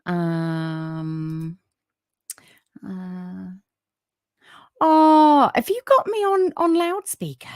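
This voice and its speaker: This livestream podcast host speaks very slowly in a lowish, soothing voice with lively intonation, pausing often. She chats warmly with her viewers, reads their comments aloud, and fills her talk with many fillers. The sound is clean studio audio with no echo.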